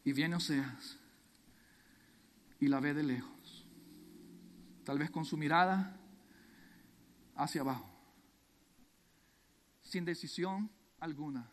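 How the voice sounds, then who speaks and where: A male youth pastor preaches with dramatic storytelling. His voice sits high for a man and carries a long reverb, as if he is in a large hall. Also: slow pace, long pauses, slight background noise. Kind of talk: sermon.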